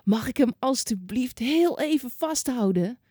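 A woman voicing a gentle, devout old man. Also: a little high, animated, unhurried, husky, dry recording, studio quality, pitched above the performer's own voice. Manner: gentle, polite, softly spoken. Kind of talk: children's Bible story reading.

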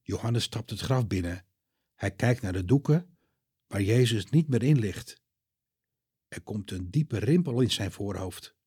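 A man reading a children's Bible story aloud with expressive, dramatic delivery. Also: lowish voice, husky, dry recording, studio quality. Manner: lively, expressive, dramatic pauses.

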